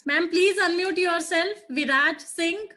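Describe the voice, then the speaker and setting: A woman teacher hosts a school celebration over a video call, switching easily between Hindi and English. She talks in a high, very slow, drawn-out way and is polite to everyone, calling each parent ma'am. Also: bright, forceful tone. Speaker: teacher hosting an online class celebration. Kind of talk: cheerful host chat mixing Hindi and English.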